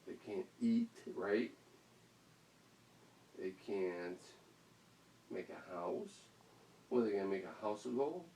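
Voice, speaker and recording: A man's voice: deep voice, slow, long pauses, dark tone. A father improvising a playful, rambling bedtime story at home, often laughing as he goes. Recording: roomy echo, mic far off, faint hiss.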